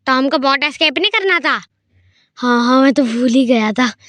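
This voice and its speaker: A woman's voice: normal speed, sharp tone, dry recording. A woman voicing a lazy, forgetful young man who plays the sidekick in a horror game. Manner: lower, lazy agreeable replies.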